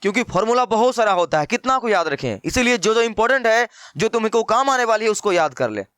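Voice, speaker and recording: The man's voice sits high and sounds animated and fast, with a fairly bright, clean tone recorded in a studio with no room sound. He jokes his way through a math lesson, talking directly to students, performing their responses and referring to viewers as "brother."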